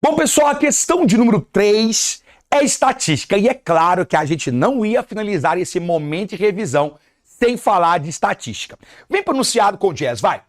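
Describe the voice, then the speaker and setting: Expressive Brazilian teacher explaining statistics. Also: mid-range voice, normal speed. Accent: Brazilian Portuguese. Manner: reads the problem aloud then explains it step by step, calls students "galerinha". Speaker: math teacher. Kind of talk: exam-review lesson reading out a question.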